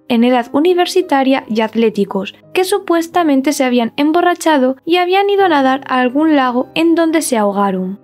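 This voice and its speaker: High-pitched female true-crime narrator. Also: darkish tone.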